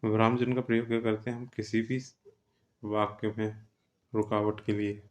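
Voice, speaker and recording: A man's voice: on the low side, level tone, moderate pace. A man teaching an exam-prep grammar lesson, explaining step by step and often checking with "theek hai".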